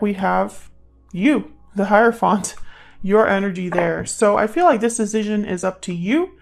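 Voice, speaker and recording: As a channel host, a woman gives a casual, intuitive tarot reading, musing aloud and sometimes trailing off into murmured questions. Her mid-range voice has vocal fry and a slightly mellow quality.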